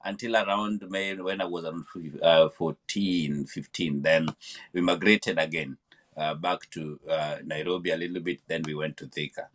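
A man's voice: low voice, steady tone, normal speed, fairly bright tone. A man from Kenya with a Kenyan accent, a podcast guest telling reflective stories and often repeating words as he searches for them. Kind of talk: reflective interview storytelling.

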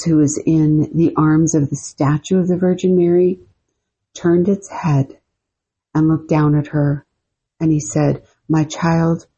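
A woman's voice: deep voice, mellow, breathy edge. A woman co-hosting a podcast, telling stories in a rambling, casual way with many fillers. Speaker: podcast co-host. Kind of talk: casual storytelling chat.

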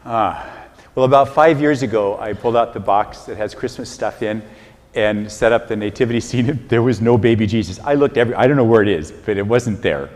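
Older priest with a low voice in a reverberant church. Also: male voice, fairly quick. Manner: relaxed, chuckling, self-deprecating storytelling. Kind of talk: conversational homily. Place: large church.

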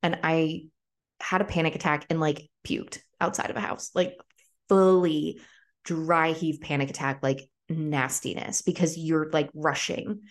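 A woman's voice: low voice, steady tone, measured pace. A woman in her twenties hosting a podcast, telling a personal story in a casual, chatty way full of "like" fillers. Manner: chatty, frequent "like" fillers, acts out quoted voices. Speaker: podcast host.

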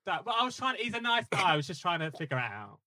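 A man's voice: high voice, big pitch swings, fast, bright, forceful tone. A man with an Essex accent in casual, bantering chat, slangy and cheeky. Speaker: comedian co-host guest.

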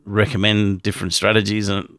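A man's voice: fairly low pitch, monotone, a little fast, a bit bright, no echo, studio quality. A man, sheepishly telling a funny personal story as an interview guest and laughing as he goes. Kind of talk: casual storytelling.

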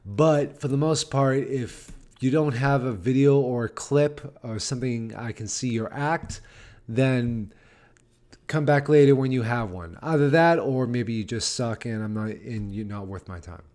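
With a mid-range, slightly mellow voice at a measured pace, an American man runs his podcast alone. He's a stand-up comedian, and his casual chat wanders and pokes fun at himself.

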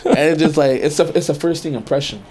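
A man's voice: fairly high pitch, fast, crowd noise. A man with an American accent chatting casually, telling stories in profane slang and acting out reactions. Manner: slangy, profane, animated retelling with quoted reactions. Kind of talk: casual chat, storytelling.

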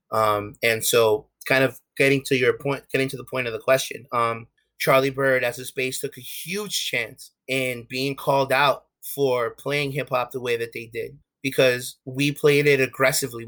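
Speaking at medium pitch in a pushed, bright way, this young New Yorker from the USA is a candid interview guest. The talk is casual, full of fillers and restarts.

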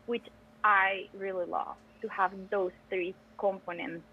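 Narrow, tinny audio carries a husky, mid-range woman's voice that stays steady in tone and moves a little slowly. She is a young, emphatic Costa Rican native Spanish speaker with a matching accent, chatting casually as a podcast guest. She's working on a PhD in music education.

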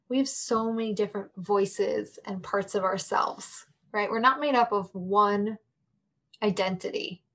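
A woman appears as a guest on a podcast interview, sounding reflective and warm at a medium pitch. She laughs often and speaks directly to the listeners.

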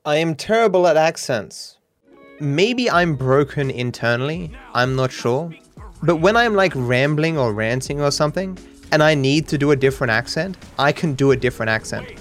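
A man streaming, rambling quickly and casually with self-deprecating asides. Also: fairly high pitch, lively intonation, soft background music.

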